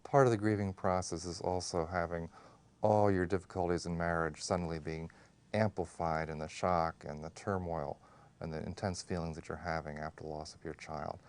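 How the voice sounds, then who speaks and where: A man speaking as a grief specialist in a documentary interview, explaining in a measured way. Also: deep voice, little pitch movement, a little mellow, clean tone.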